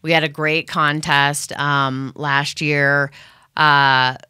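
A woman's voice: sits low, little pitch movement, slow pace, sharp tone, clean tone, no room sound, studio quality. A woman radio host thanking her sponsors in a loose, rambling chat full of fillers and restarts. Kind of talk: casual thank-you to sponsors.

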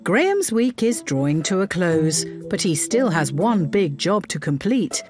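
A woman delivers scripted voice-over narration with a lively storytelling lilt. Her voice sits on the low side yet swings widely in pitch. Music plays clearly behind her. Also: a little slow. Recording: music bed under the voice-over.

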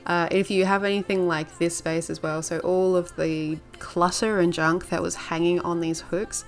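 A woman's voice: lowish voice, level tone, moderate pace, faint music behind. A woman narrating her home cleaning video in a casual, chatty voice-over, rambling a little with filler words.

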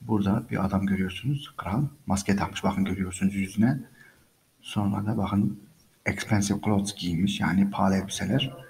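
A man's voice: deep voice, fairly even intonation, moderate pace, creaky, darkish tone, slight background noise, poor audio. A man teaching English by reading a story aloud and explaining each line patiently, repeating phrases and speaking to listeners as friends.

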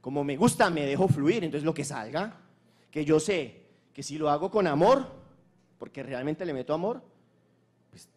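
A Colombian conference speaker stands on stage at a launch event, giving a forceful, repetitive motivational talk full of crude slang. His fairly high voice has a darkish tone and an animated delivery at normal speed, broken by long pauses.

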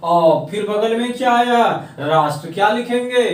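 A man teaching English grammar in a slow, emphatic classroom manner, drawing out English words. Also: extremely high pitch, expressive. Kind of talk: classroom lesson. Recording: echoey room, far from the mic.

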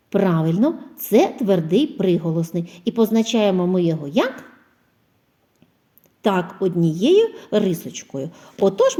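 Slow, lilting kindergarten teacher woman. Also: mid-range voice, warm tone. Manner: asks questions and pauses for children's answers; stretches out example words slowly and clearly. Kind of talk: phonics lesson for preschoolers.

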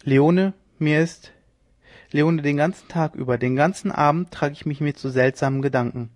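A man's voice: a little high, normal speed, dry recording, studio quality, natural voice. A man reading an audiobook, voicing a troubled sea captain who speaks in an earnest, pleading, uneasy way.

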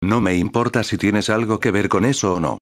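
A furious, threatening male steward in a storybook reading, done by a man. The voice sits very low and dry, barking threats without much change from the reader's own tone. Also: a little fast, dry recording, close to an everyday voice. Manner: shouting threats.

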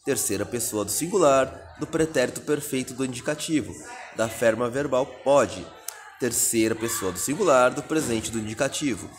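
A man's voice: mid-range voice, fairly quick, faint music behind. A Brazilian man teaching a recorded exam-prep lesson, reading out answer options and explaining each one step by step. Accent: Brazilian Portuguese.

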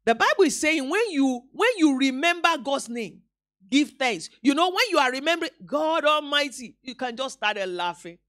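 A woman preacher, delivering an animated live sermon in a church, acting out quotes and bantering with the congregation. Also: high-pitched, moderate pace. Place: church hall.

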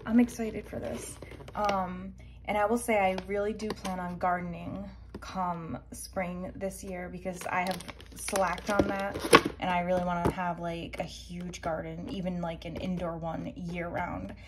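A woman's voice: on the low side, flat delivery, a little slow. A young woman chatting casually as she shows her groceries to a phone camera, rambling with lots of fillers and asides. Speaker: vegan grocery haul vlogger. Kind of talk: casual chat. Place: indoors at home. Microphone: handheld phone filming products. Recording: noticeable background noise.

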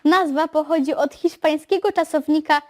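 A woman's voice: high voice, fairly even intonation, moderate pace, slight background noise. A teenage young woman presenting from a script in outtakes, recorded on a lapel mic indoors. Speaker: school show presenter. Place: small green-screen school studio, indoors. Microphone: lapel microphone.

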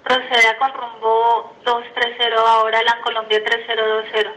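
A woman's voice: a little high, completely flat delivery, normal speed, bright, forceful tone, low-quality recording. A woman air traffic controller giving procedural instructions to aircraft over the radio. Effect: aviation radio.

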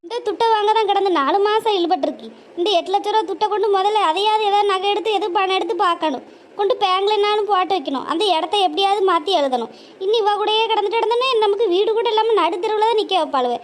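A woman voicing a scheming, impatient grown daughter, scolding in a sharp, nagging way. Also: very high-pitched, quick pace. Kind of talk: cartoon voice acting.

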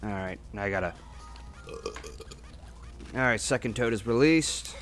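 A man doing casual gameplay commentary as a streamer, excitable and foul-mouthed. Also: fairly low pitch, measured pace. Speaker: game streamer. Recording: game music behind. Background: video game music.

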